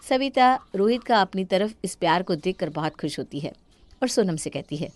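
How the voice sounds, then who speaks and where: A woman narrating a household drama story in a calm storytelling manner. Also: medium pitch, normal speed, no echo.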